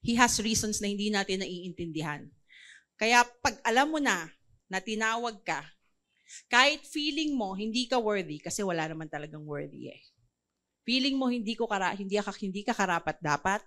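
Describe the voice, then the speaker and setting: A woman's voice: medium pitch, a bit bright. A woman with a Filipino accent preaching a Bible sermon, mixing Tagalog and English and pressing her points with rhetorical questions.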